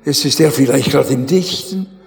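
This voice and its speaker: A man voicing a fiery, commanding old male prophet in a retold story, proclaiming loudly and emphatically. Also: medium pitch, moderate pace, gravelly, faint music behind, lightly acted. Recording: echoey hall.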